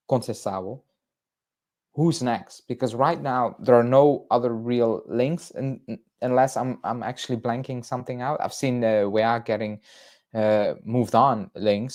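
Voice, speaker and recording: This young Belgian man hosts a relaxed livestream for a football fan channel, wandering through viewer chat with plenty of fillers and false starts. His voice sits at a medium pitch and sounds slightly mellow.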